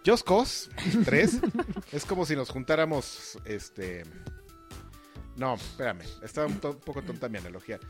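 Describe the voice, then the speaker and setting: A man's voice: mid-range voice, big pitch swings, a little slow, faint music behind. A man with a Mexican accent in a casual gaming chat, hesitant and often restarting his sentences. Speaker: podcast co-host. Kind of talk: casual chat about video games.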